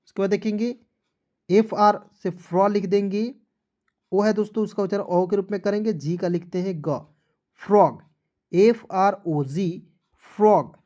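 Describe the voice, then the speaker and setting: A male English teacher with a high-sitting, steady, dark-toned voice gives a spelling lesson at a normal pace. He spells each word out letter by letter and keeps asking the class whether it's clear.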